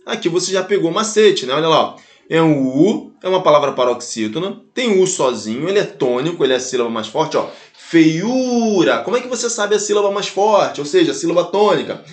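Animated Brazilian man teaching grammar. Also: a little high, fast talker. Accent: Brazilian Portuguese. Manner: animated, addresses students directly, repeats and spells out examples. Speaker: Portuguese teacher. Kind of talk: online grammar lesson. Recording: echoey room.

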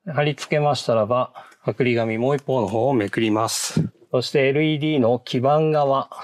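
Male how-to narrator, mid pitch, polite and measured, step-by-step. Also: darkish tone. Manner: polite, measured, repeats "hai" between steps. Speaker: product installation instructor.

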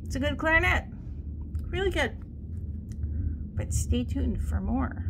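Woman in her forties, chatty and relaxed, slightly winded, slow speech, faint hiss. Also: high-pitched, vocal fry. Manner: chatty, relaxed, talks between playing clarinet. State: slightly winded, recovering from a cold. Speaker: clarinet player and host. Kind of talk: casual demonstration talk. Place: indoor home room. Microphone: camera low on a stand at close range.

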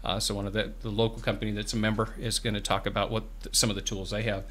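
His delivery is rapid-fire and flat, his pitch fairly low, his tone a bit bright. He's a man in his fifties, a farm bureau representative visiting a small radio studio as a guest, earnestly explaining programs and often restarting what he says, with a boom-mounted studio microphone and headphones.

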